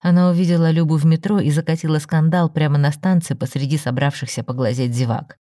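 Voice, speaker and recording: A woman narrating a written story in an even, measured way. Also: low-pitched, no room sound, clean studio sound.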